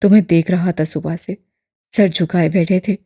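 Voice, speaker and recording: A woman voicing a kindly elderly male imam who speaks in a steady, balanced, fatherly tone, deeper and fuller than her own voice. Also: normal speed, no room sound, studio quality. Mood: gentle. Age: older.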